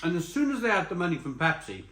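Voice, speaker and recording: A middle-aged British man giving a casual, chatty crisp review while tasting and eating, repeating phrases for emphasis. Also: high voice, sing-song, quick pace, sharp tone. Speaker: snack reviewer. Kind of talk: casual spoken review to camera. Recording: roomy echo, faint background noise.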